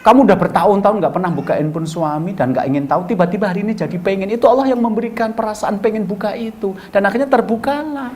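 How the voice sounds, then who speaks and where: A man's voice: high-pitched, fast, few pauses, a little mellow, slight background noise. A middle-aged man giving a colloquial storytelling sermon as a preacher, acting out both sides of the dialogues he recounts.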